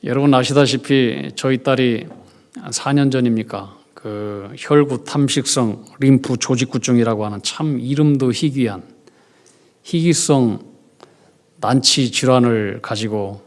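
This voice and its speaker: A middle-aged man preaching a sermon as pastor, moving between quiet, hushed confession and loud, emphatic preaching. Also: mid-range voice, a little slow. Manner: acts out prayers in a soft, hushed voice.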